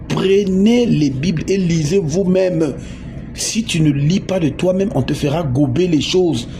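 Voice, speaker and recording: Congolese male preacher, emphatic and repetitive, slightly high voice, noisy recording. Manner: emphatic, repeats words, asks the audience. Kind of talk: sermon. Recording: noisy background.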